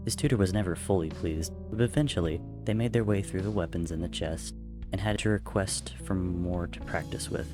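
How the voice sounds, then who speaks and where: A man's voice: deep voice, brisk, over music. A man narrating fiction aloud as a dramatic reading.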